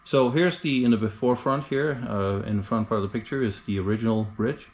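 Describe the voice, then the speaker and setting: A man, a guitarist, talking casually through a step-by-step pickup install with lots of ums and uhs. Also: mid-range voice. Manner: casual, unhurried explaining with frequent ums and uhs. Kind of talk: step-by-step DIY tutorial.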